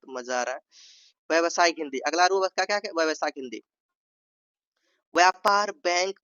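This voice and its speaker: Male teacher, exam-prep lesson, slightly high voice, acts out tones, dry muffled recording. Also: a bit bright, clean tone, dry recording. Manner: repeats points, says "ठीक है" often, acts out sample tones. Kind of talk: explanatory Hindi lesson.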